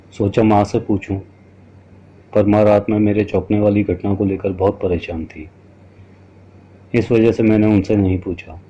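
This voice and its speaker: A man's voice: on the low side, mellow, slightly rough. A man giving a dramatic, scripted first-person horror narration. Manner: dramatic, storytelling. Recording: dull lo-fi recording.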